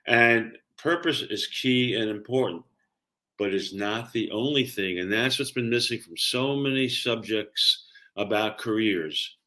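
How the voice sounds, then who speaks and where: An older man speaks in a low-pitched voice with a clear Brooklyn accent. He explains things conversationally like a career coach, leaning on key words and often checking that the listener follows. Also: unhurried, bright, forceful tone. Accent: New York, Brooklyn. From Brooklyn, New York. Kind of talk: conversational explaining and personal storytelling.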